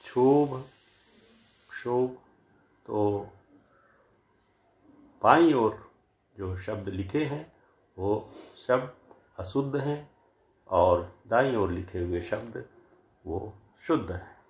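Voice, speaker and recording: A man teaching a grammar lesson from slides, saying each word slowly and often twice so that wrong and right forms can be compared. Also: on the low side, animated, echoey room. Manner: slow, deliberate, says each word pair twice to contrast. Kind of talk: slide-based lecture.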